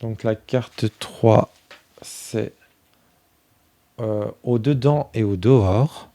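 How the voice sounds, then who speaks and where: A man chatting casually through a review of a tarot deck, filling pauses with "euh" and thinking aloud as he goes. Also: on the low side, dark tone, dry recording. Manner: chatty, many fillers, thinks aloud while flipping cards.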